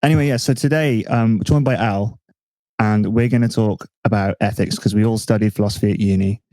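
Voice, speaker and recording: A man hosting a casual podcast chat, relaxed and self-mocking, thinking aloud with restarts. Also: on the low side, brisk, no room sound. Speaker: podcast host.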